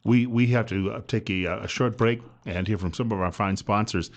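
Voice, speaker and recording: Man, smooth radio host delivery, low voice, live talk radio, station breaks and caller intros. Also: a little fast, muffled recording.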